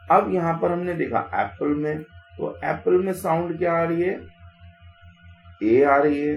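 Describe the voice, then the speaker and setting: A man's voice: on the high side, gravelly, a little mellow, reverberant, poor audio. A man teaching English grammar in Hindi, explaining patiently and asking rhetorical questions. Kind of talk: Hindi classroom-style lesson.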